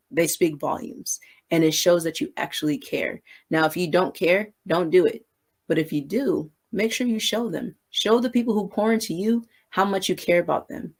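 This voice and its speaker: A woman mentor giving a casual, high-energy devotional talk on business relationships, often asking "you know what I'm saying". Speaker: faith-based business mentor.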